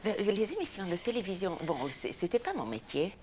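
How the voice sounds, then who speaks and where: An older woman with a European French accent, telling stories in an interview in a spontaneous, animated way with frequent restarts. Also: medium pitch, brisk, a crowd in the background. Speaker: interviewee, former TV host. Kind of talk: reminiscing interview.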